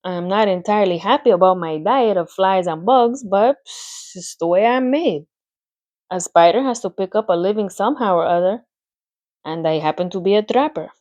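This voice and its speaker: A woman reads a storybook, lightly acting the part of a clever, no-nonsense female spider with a pleasant, thin voice and a put-on accent. Her own voice is mid-range and darkish at normal speed, and she delivers the spider's lecturing lines with relish.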